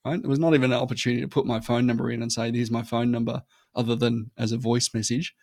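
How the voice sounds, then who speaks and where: This podcast guest has a mid-range, darkish voice with vocal fry, a level tone and a quick pace. He talks casually and emphatically in the interview, often adding a short "right?" after what he says. The recording is dry and studio quality.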